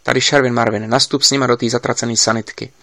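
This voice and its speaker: A man's voice: medium pitch, flat delivery, fairly bright tone, no echo, lightly acted. A man reading an audiobook, voicing an insistent investigator giving urgent instructions over a line.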